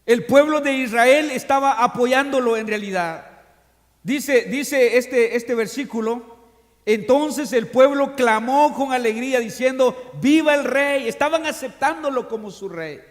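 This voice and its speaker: A man, a pastor, preaching a sermon to his congregation during an evening service, reading scripture aloud and speaking to them directly. He swings between loud proclamations and quiet, confiding asides. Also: extremely high pitch, unhurried. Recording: long reverb of a church hall.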